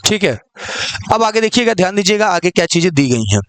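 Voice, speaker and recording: A man's voice: high-pitched, very animated, a little fast, clean tone. A male teacher giving an online exam-prep lecture, posing questions to the class and answering them himself, with frequent check-ins. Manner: repeats "ठीक है" often.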